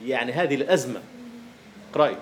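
A man lecturing a university class on poetic meter, questioning students and at times dropping to a quiet murmur. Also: mid-range voice, fast, a little hiss or hum.

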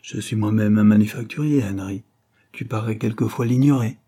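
A man voicing a calm, fair-minded middle-aged father who owns a factory, speaking in a measured, gently reproving way. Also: on the low side, lightly acted. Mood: gently firm.

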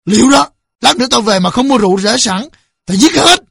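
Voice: mid-range voice, lively intonation, brisk, creaky, fairly bright tone, slightly rough, dry recording, studio quality, voice pushed up, full character voice. A narrator voicing a drunken, abusive middle-aged father who bellows threats. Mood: furious.

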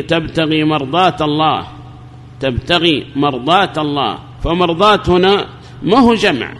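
A man giving a recorded grammar lesson, explaining slowly and repeating his examples, with questions he then answers himself. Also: on the high side, fairly bright tone, big-room sound, slight background noise. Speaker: grammar teacher.

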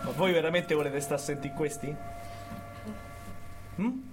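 In a theatrical monologue to an audience, an actor plays a cynical, resentful, underpaid prison guard who scorns the inmates, speaking with a central Italian Roman accent. His voice is male, on the high side and unhurried, lightly acted with sneering disbelief as he goads colloquially through repeated tag questions. Background noise is present.

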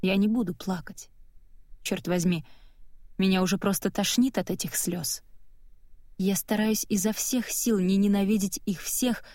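Woman reading an audiobook, calm and even, very dry close sound. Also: mid-range voice, a little slow, no room sound. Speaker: audiobook narrator. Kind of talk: first-person scripted narration.

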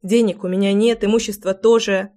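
A woman's voice: mid-range voice, steady tone, brisk, warm tone. Brief: woman audiobook narrator, first-person storytelling, wry and breathless asides.

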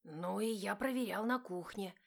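A woman's voice: medium pitch, normal speed, creaky. A woman voicing an easygoing male friend who teases offhandedly and turns defensive. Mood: teasing.

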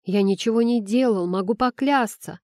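A woman's voice: fairly high pitch, moderate pace, warm tone, no echo, studio quality, lightly acted. A woman playing an indignant, flustered young man. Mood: protesting. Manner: indignant, protesting. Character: flustered young male palace steward, indignant.

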